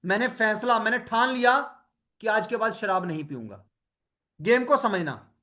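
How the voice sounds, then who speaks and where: A man coaching an online webinar group in an energetic way, calling on participants by name and asking rhetorical questions. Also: high voice, moderate pace. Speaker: motivational coach leading a webinar. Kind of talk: lively Hindi webinar talk to online participants.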